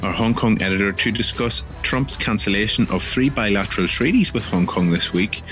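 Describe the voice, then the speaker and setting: A Northern Irish man presents a news podcast in a low voice. He speaks as a journalist and host, moving between scripted introductions and questions to guests. There is some music in the recording. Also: fairly quick, fairly bright tone, rough recording.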